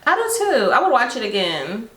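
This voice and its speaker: A woman's voice: fairly high pitch, wildly swooping pitch, moderate pace, a bit bright. Blunt woman co-host, echoey room. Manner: blunt, opinionated asides. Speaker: podcast co-host. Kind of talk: casual chat recap.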